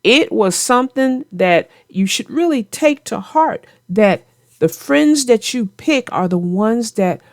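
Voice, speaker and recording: A woman with a fairly high, darkish-toned voice narrates a children's story show at a slow, animated pace. Between read-alouds she chats about the story with folksy, playful teasing, and the studio recording is clean with no echo.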